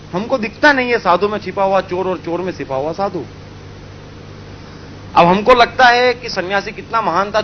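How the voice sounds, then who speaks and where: Man from India, animated storytelling talk, high pitch, lo-fi recording, faint traffic. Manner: animated, acting out story characters. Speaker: spiritual speaker.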